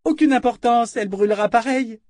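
Man doing a spoiled princess girl, high, sneering, imperious, dry close sound. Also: fairly quick, darkish tone, no room sound. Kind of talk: storybook read-aloud voice.

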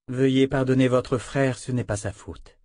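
A man voicing a calm, quietly menacing young woman traveler. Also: mid-range voice, no echo, lightly acted. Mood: cool. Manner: slow and cool.

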